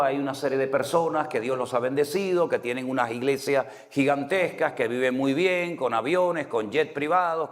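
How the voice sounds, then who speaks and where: Canarian pastor preaching in a reverberant hall. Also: male voice, mid-range voice. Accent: Canary Islands Spanish. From Spain. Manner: storytelling, asks the congregation "right?" often. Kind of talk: conversational sermon.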